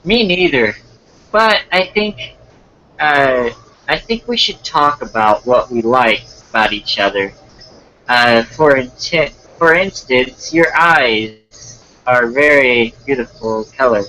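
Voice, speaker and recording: A man voicing a shy, sweet young woman on a blind date in a raised voice, reading haltingly from an amateur fan story. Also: medium pitch, expressive, sharp tone, rough recording. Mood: sweet, curious.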